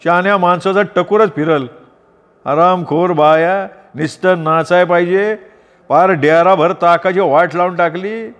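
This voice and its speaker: A man's voice: sits high, measured pace, a bit bright, in a large hall, dull audio, pitched above the performer's own voice. An irritable, grumbling banker brother, played by a man, ranting in a raised voice above the performer's own. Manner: grumbling rant.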